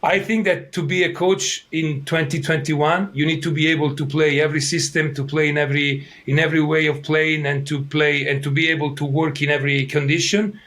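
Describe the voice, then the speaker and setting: With a fairly high, somewhat bright pitch and a flat delivery, a middle-aged soccer coach from Italy responds to interview questions. His Italian-accented English is halting, with many fillers and restarts, and his throat sounds a little irritated.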